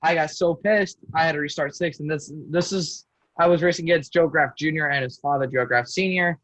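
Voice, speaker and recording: Over dull, lo-fi call audio with no echo, a young man who races cars shares his story as a guest on a relaxed podcast. His voice is fairly high and bright, and his speech is halting, full of restarts and self-corrections.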